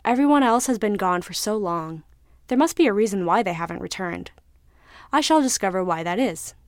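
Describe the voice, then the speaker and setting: A woman's voice: mid-range voice, animated, a little fast, no room sound, studio quality, natural voice. A woman voicing a logical, proud male cod who talks in a raised, formal, emphatic way. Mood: assured.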